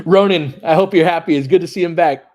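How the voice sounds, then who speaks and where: A slightly high, somewhat mellow man's voice moves at a moderate pace. He hosts a fan audio basketball play-by-play stream, analysing the live game and chatting informally with listeners. He stays conversational and analytical, with a bit of mild swearing.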